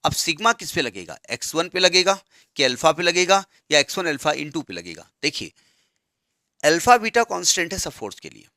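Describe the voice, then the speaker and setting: Man, maths teacher, board lecture. Step-by-step, repeats terms while writing. Slightly high, dry sound. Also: sing-song, normal speed, sharp tone, dry recording. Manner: mixes Hindi with English terms.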